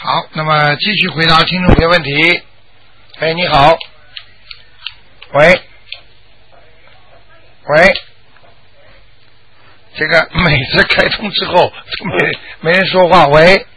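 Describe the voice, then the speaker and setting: A man hosting a radio call-in show, giving brisk, firm and reassuring answers to callers. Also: fairly high pitch, fairly even intonation, bright, forceful tone, a little hiss or hum. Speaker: radio advice host.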